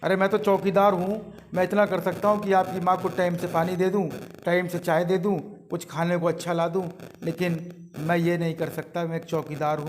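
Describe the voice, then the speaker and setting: An earnest, humble watchman of an old-age home, read out by a man telling the story. He pleads with a judge in a slightly high, plain voice and keeps returning to the same point. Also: slight background noise, lightly acted. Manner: earnest, repeating his plea.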